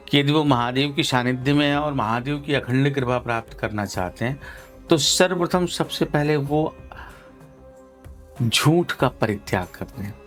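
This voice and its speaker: A tired man speaking as a religious guru, measured and formal, pausing often with fillers. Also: mid-range voice. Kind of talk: devotional discourse.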